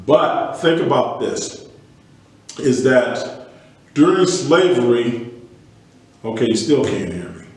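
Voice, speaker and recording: A man's voice: medium pitch, sing-song, slow, pauses often, far from the mic. A man hosting an online call, puzzled as he troubleshoots his audio, his voice echoing hollowly as if he were in a tunnel. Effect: hollow echo like a tunnel. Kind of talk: casual live talk to an audience. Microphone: computer on a video call.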